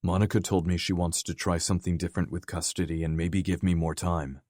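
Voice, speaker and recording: A frustrated, remorseful man grumbles and curses at himself in a deep, gruff voice, voiced by a male narrator. The audiobook sound is dry and close. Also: little pitch movement, a little fast, darkish tone, no echo, close to an everyday voice. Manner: gruff, self-blaming.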